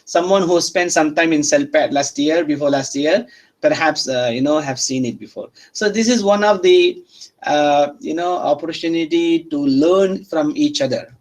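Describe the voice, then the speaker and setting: This lecturer's voice is on the high side and moves at a normal speed. He's a man teaching at a university in English, a second language for him, with a native tongue other than Arabic or English. Repeated phrases and frequent comprehension checks with his students keep the lesson interactive.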